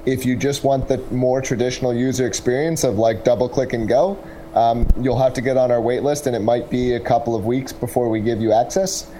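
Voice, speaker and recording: A man giving casual, explanatory interview answers as a tech startup representative, pausing to pick his words. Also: mid-range voice, steady tone, mellow, a little hiss or hum.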